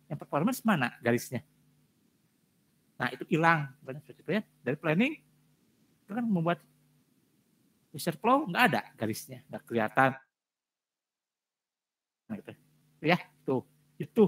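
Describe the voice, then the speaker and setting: A man's voice: a little high, sing-song, normal speed, long pauses, fairly bright tone, slightly rough. A male lecturer giving direct feedback on student presentations, repeating his points for emphasis. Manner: direct, repetitive emphasis with frequent fillers.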